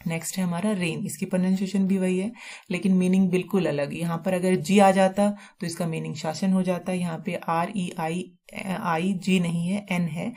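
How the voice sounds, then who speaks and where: A woman teaching vocabulary in a recorded lesson, explaining each word slowly, repeating it and spelling it out letter by letter, mixing English terms into her explanation. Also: on the low side, creaky, a little mellow.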